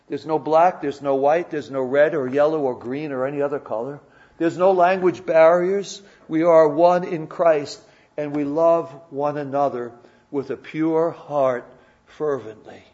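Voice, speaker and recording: A pastor with a slightly high voice preaches a sermon in church, often repeating and restarting his words in a stammering way. He keeps the tone conversational by asking the congregation questions. The audio sounds dull.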